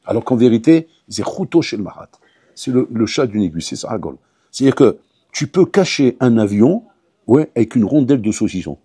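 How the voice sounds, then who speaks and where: Husky-voiced rabbi giving a lively class. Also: male voice, mid-range voice, a little fast, dry recording, clean studio sound. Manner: lively, acts out little dialogues and addresses students directly. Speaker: rabbi teaching a yeshiva class. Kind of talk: animated Torah lesson. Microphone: audio recording of a class.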